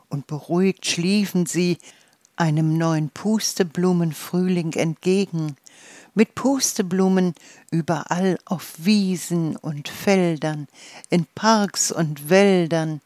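A storyteller reading a calm guided fantasy journey and fairy tale in a soft, soothing manner. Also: medium pitch, slow, no echo.

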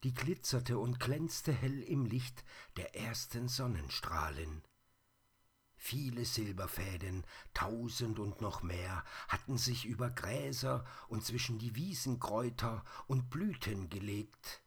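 Man reading a children's story, slow, husky, lively pitch, gentle.

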